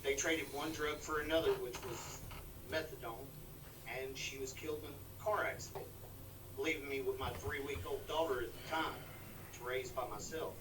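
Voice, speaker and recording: A man's voice: mid-range voice, steady tone. Brief: man, candidate on a bad connection, voice dropping in and out, distant and echoey, noisy line. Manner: halting, earnest, plain-spoken. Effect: bad internet connection, voice cutting in and out. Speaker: congressional candidate. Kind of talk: debate opening statement. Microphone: video call.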